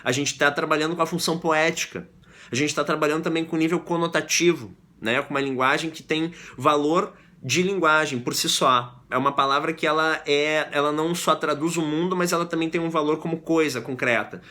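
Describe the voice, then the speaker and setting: A man lectures on poetry in a fairly high, bright and forceful voice. He explains in a relaxed, conversational way, checking in with his listeners, and slows down to read verses aloud. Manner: explains with frequent "né?" and reads verses aloud slowly. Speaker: literature teacher.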